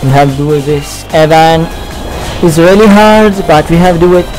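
Young tunisian-born guy doing a let's play, english not his first language, kinda high voice, swears at the game, music blasting behind. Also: normal speed, darkish tone, rough recording. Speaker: let's player. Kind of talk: live gameplay commentary. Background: racing game music.

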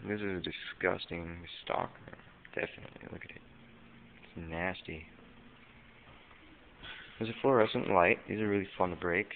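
A man casually narrating a walkthrough of a dark empty store, hesitant and full of ums, easily spooked. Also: deep voice, vocal fry. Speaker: vlogger exploring an abandoned store. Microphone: handheld camera mic. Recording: tinny lo-fi camera audio with faint hiss.

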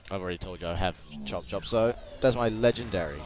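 Here a gaming video host speaks quickly in a low, darkish voice. His let's-play talk is loose and playful, full of chatter and shouted sound effects. Game music and sounds run underneath, with the game audio heard twice over.

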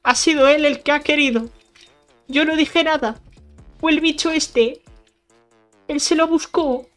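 Chatty high-voiced woman gaming YouTuber. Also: a little slow, fairly bright tone, faint music behind. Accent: Spain Spanish. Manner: chatty and playful, teasing enemies, addresses viewers directly. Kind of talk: casual gameplay commentary.

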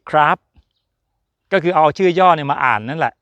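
A man's voice: on the high side, rapid-fire, a bit bright, smooth, no echo. A man hosting a casual chatty motorsport talk, joking and rambling with fillers as he talks to his viewers. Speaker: F1 channel host. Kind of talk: casual chat to camera.

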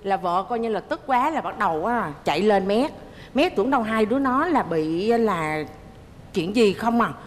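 A middle-aged woman appears as a mother-in-law on a talk show. She retells family moments in a lively way, laughing and acting out what others said. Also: mid-range voice, normal speed, long reverb tail, slight background noise. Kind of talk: casual storytelling on a TV talk show.

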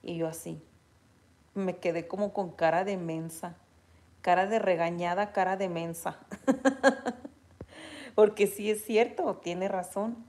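A woman with a Mexican accent chats casually with her viewers, animatedly retelling stories and reading their comments aloud. Her pitch is fairly low, and she takes it slowly, pausing often.

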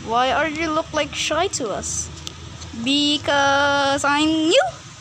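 Playful high-voiced woman, noisy recording. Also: slow pace. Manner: playful, excitable, repeats words in bursts. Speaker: narrator voicing all characters. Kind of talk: homemade animated story with voices.

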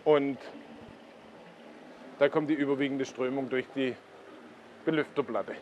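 A man's voice: medium pitch, steady tone, a little slow, slight background noise. A man hosts a koi blog, explaining things casually at a pond and pointing them out to the viewer.

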